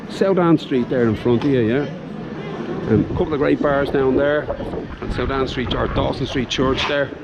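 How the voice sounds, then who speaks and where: Walking a busy city shopping street, a vlogger and tour guide with a Dublin accent shows off his city casually and enthusiastically, tacking "yeah" onto many phrases. His mid-range voice comes through a muffled recording. The background is noisy with outdoor crowd chatter.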